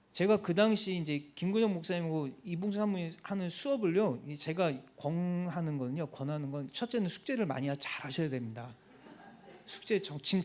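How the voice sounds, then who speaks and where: A man, a missionary, giving an animated church testimony and acting out the people in his story. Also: sits high. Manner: animated, acts out quoted people.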